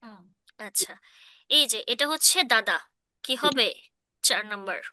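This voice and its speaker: A woman teaches a relaxed online language class, checking often that her listeners keep up. Her voice sits high and sounds bright and clear. The recording is close and dry. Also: measured pace, no room sound. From Bangladesh. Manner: explains patiently, often checking understanding. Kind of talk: casual online class explanation.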